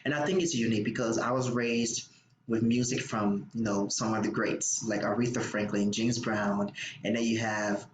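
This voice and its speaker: A young man from Liberia speaks with a Liberian English accent in a relaxed, unhurried way, often circling back to restart a phrase. His voice carries a noticeable room echo, with steady background noise under it. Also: on the low side. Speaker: guest musician. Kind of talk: casual interview talk.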